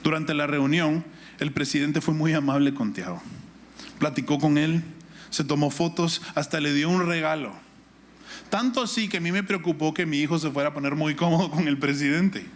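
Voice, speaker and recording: A middle-aged man, his voice on the high side, preaches at a moderate pace with a Guatemalan Spanish accent, a little hiss or hum audible. Teaching as he goes, he poses rhetorical questions, repeats key ideas, reads the Bible, and relates a personal anecdote.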